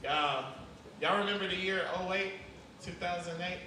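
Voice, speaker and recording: A man performing a stand-up comedy set on stage, rambling loosely between bursts of loud emphasis. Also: high voice, normal speed. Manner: loose, rambling delivery with sudden loud outbursts. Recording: roomy, distant live club recording with noise.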